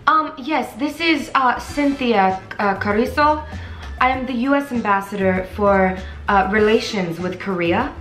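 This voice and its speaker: A woman voicing a pompous female government ambassador with a put-on British accent, halting and mock-official. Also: fairly high pitch, a bit bright, echoey room, faint music behind.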